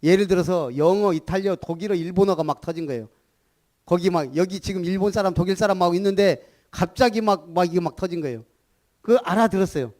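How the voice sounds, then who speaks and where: Animated high-voiced preaching man. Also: fast. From Gunsan, Jeolla, South Korea. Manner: animated preaching, calls for repetition, rhetorical questions. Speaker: pastor. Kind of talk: sermon.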